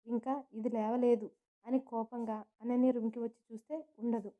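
A woman storyteller narrating a scripted family drama in an even, unhurried manner. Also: a little high, narrow, tinny audio.

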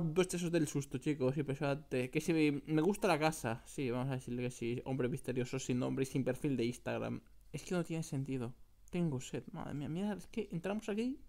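Excitable Spanish woman gaming YouTuber. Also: fairly low pitch. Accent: Spain. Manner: excitable, dramatic, keeps calling out to viewers. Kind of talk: gameplay commentary.

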